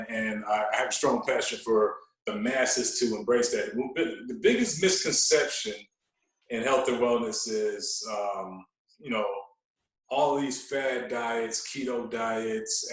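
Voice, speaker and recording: A male podcast guest who works as a radio DJ and fitness coach explains things casually and conversationally, earnest and deliberate and repeating himself for emphasis. His medium-pitched voice is a bit bright. The room is very echoey and he sits slightly off-mic, distant from it.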